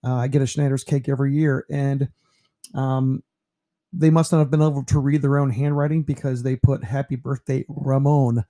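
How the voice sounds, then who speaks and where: Mellow-voiced man turning fifty. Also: medium pitch, normal speed. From New York. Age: 50s. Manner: relaxed, rambling, many fillers. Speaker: teacher. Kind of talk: casual slideshow narration.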